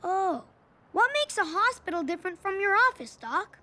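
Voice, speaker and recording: A woman's voice: very high-pitched, sing-song, moderate pace, sharp tone, heavily acted. A woman voicing an eager young boy dump truck in a children's cartoon, bouncy and stubborn.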